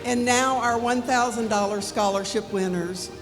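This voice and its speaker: At a community ceremony in a large indoor event hall, a woman with a higher-pitched voice presents donations and scholarships, formally announcing into a podium microphone. She reads names slowly and makes small, polite, apologetic corrections. Background music plays, and the hall adds long reverb.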